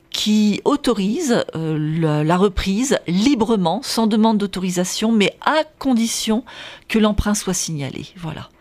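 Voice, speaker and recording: A woman's voice: lowish voice, creaky, a little mellow. A woman speaking as a guest expert in a radio interview, explaining carefully and hesitating often with filler sounds.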